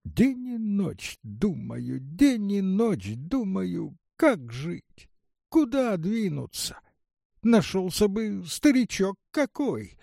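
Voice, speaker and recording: A man plays a touchy old village woman who speaks earnestly of her hopes, in a lively, sing-song gravelly voice. He reads slowly, with a dark, mellow timbre, and the sound is dry. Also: high voice, dry recording, exaggerated voice. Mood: plaintive. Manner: earnest, plaintive, musing.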